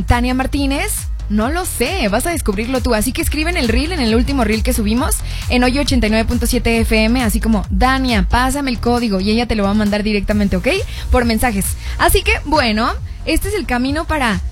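A young woman with a Mexican accent hosting a morning radio show, chatting playfully and reading listener messages aloud. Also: fairly high pitch. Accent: Mexican Spanish. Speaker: radio host. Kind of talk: casual morning radio chat. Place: radio studio. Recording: faint music bed behind.

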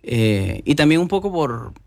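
A young man from Venezuela with a Venezuelan Spanish accent, a musician talking earnestly as a guest in a casual interview, filling pauses with "este" and repeating words. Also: on the high side, big pitch swings, a little mellow, no room sound. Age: young adult.

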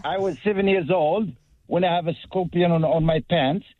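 A man's voice: high-pitched, normal speed. A man from Morocco, calling in to a radio show by phone and talking in a hesitant way, with many fillers. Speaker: radio caller. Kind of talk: casual phone chat. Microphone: phone line. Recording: dull lo-fi phone line.

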